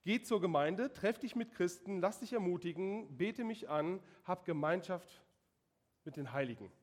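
A man speaking as God, loud and uplifting. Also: high-pitched, animated, moderate pace, voice pushed up. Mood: encouraging. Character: loving male God, warm and encouraging.

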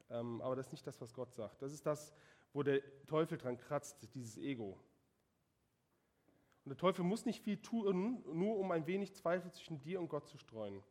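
A man's voice: a little high, a little mellow. A man preaching a sermon, emphatic and asking the congregation direct questions.

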